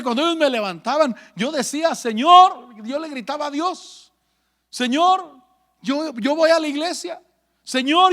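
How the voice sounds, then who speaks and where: High-voiced fervent male preacher. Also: fairly bright tone. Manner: fervent, repetitive preaching with call-and-response. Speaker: pastor. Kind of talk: sermon.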